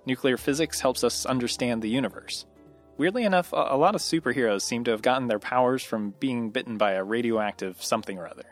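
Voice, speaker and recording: A man's voice: medium pitch, fast talker, soft background music. A man co-hosting a podcast, reading a scripted intro and bantering with a guest in a wry, joking manner. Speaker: podcast co-host.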